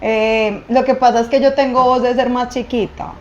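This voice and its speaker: Woman with a youthful, high voice. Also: little pitch movement, moderate pace. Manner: chatty, self-mocking. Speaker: podcast co-host. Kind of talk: casual chat. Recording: roomy dull podcast audio.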